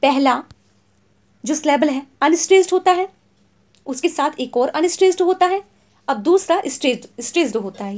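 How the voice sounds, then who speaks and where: A woman teacher explaining English literary terms in a Hindi exam lesson. She reads English definitions slowly and word by word, then explains them in Hindi, often checking in with "theek hai". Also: high-pitched.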